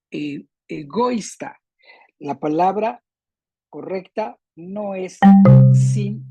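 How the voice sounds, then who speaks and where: A woman teaching a class on spelling rules, speaking slowly and deliberately and repeating words with different stresses. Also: on the low side, dark tone, husky, dry recording.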